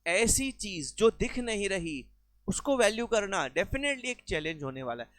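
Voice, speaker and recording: A man's voice: sits high, sing-song, unhurried, fairly bright tone, dry recording. A man teaching a recorded exam-prep lecture, explaining with everyday examples and mixing English terms into his speech.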